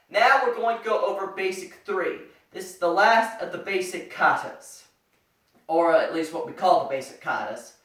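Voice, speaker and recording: A karate instructor teaching step by step, with sharp martial arts commands. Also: mid-range voice. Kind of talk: step-by-step karate demonstration lesson. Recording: echoey room, far from the mic.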